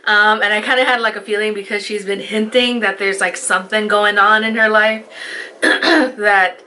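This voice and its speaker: Young woman, vlogger, casual chat, animated, laughs a lot, bright tone. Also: mid-range voice, normal speed, a little hiss or hum, poor audio. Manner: chatty and animated, laughs often.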